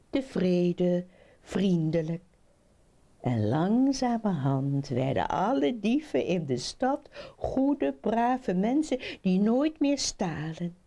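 A woman reading children's stories aloud in an expressive, animated storytelling manner. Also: on the low side.

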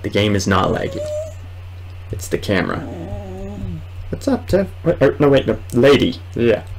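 His pitch sits in the middle but swoops wildly, and he moves at a moderate pace. This man in his twenties, a gamer and video host, does casual let's play commentary, rambling and muttering hesitantly to himself. The noisy recording comes from a small room at home.

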